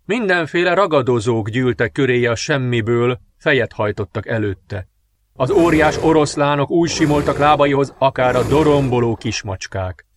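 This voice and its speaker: A man narrating a dark fantasy audiobook with measured, dramatic storytelling. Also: medium pitch, slight background noise.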